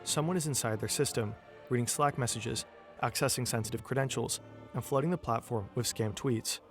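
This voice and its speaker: A man's voice: mid-range voice, fairly quick. A man reading scripted documentary narration as the narrator. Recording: music bed behind narration.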